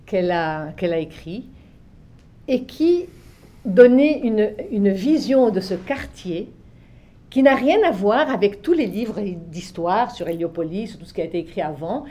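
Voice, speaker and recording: An older Egyptian woman with native Arabic and French shares unhurried, relaxed memories of working as a literary translator. Her medium-pitched voice is dark, mellow and animated. She muses and returns to earlier points, repeating herself, restarting often and softly trailing off.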